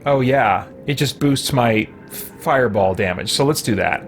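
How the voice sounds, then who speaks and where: A game streamer and host with a mid-range voice gives casual live gameplay commentary at an unhurried pace, thinking aloud in a rambling, hesitant way while game music plays behind him.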